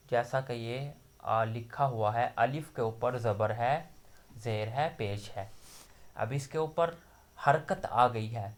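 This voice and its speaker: A man teaching a recitation lesson, patiently explaining and slowly sounding out example syllables. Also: mid-range voice. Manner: patient, repeats letters slowly with drawn-out demonstration syllables. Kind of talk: online tajweed lesson.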